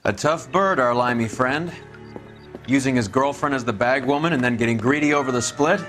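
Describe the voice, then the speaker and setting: An actor playing a cynical, crude, hard-boiled police detective in a crime video game, with a brusque way of talking. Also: male voice, mid-range voice, brisk, a bit bright, faint music behind, lightly acted.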